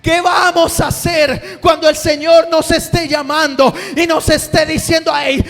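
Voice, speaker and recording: A man's voice: very high-pitched, flat delivery, measured pace, fairly bright tone. A male preacher giving a sermon, impassioned and pressing his listeners with rhetorical questions. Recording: reverberant hall with faint music.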